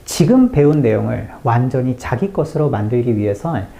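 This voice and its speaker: A native Korean speaker teaching an English lesson, patiently explaining word stress step by step and slowly reading out example sentences. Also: mid-range voice, animated, creaky, dark tone. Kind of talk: online language lesson.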